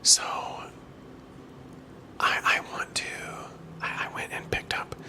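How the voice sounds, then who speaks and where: An ASMR creator whispers very close to a wireless microphone in a casual, rambling and candid vlog chat, breathy and occasionally soft-spoken. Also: slow pace. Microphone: clip-on wireless microphone, held close.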